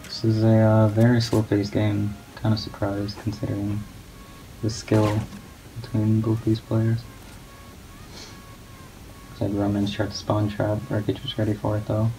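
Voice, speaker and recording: A man giving low-key, monotone play-by-play commentary on a competitive match as a guest commentator. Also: measured pace, long pauses, soft background music, poor audio. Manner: not much of a talker. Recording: steady background noise.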